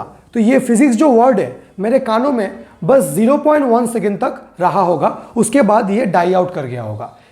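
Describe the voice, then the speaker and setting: A male teacher with a rather high, soft and mellow voice gives a physics lesson. He patiently repeats key phrases word by word, as if for dictation, and slips English terms into his explanations. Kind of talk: classroom lesson.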